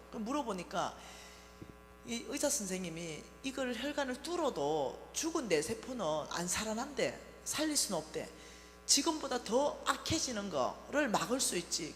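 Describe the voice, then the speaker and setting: A woman giving an emotional sermon testimony, acting out both sides of a family quarrel. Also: on the high side. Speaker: church speaker giving a testimony. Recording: echoey hall with faint hum.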